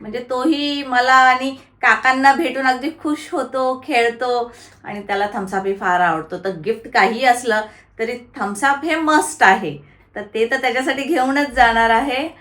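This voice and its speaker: A woman's voice: high voice, moderate pace, a bit bright, echoey room. A woman vlogger, chatting casually to her viewers and talking baby talk with a toddler. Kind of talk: casual vlog chat.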